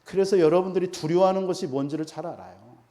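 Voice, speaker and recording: High-voiced pastor preaching emphatically. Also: male voice, quick pace, dark tone. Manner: emphatic, asks the congregation rhetorical questions. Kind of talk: sermon.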